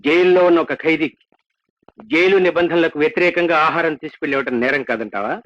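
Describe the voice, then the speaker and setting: A man's voice: on the high side, quick pace, natural voice. An actor playing a strict, stern jail superintendent who lectures his constable with authority, in a film drama with a dull, lo-fi soundtrack.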